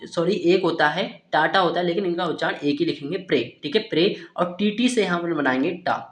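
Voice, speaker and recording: On the high side and fairly bright, this man's slightly fast voice guides Hindi speakers through reading English words letter by letter. He repeats "ठीक है", answers the questions he raises, and is recorded with a roomy echo.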